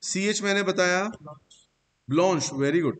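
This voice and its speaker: In a classroom, a man with a high-sitting voice teaches a French pronunciation lesson with slides, walking through the rules step by step at a measured pace and praising his students. The recording has long reverb and a faint hiss.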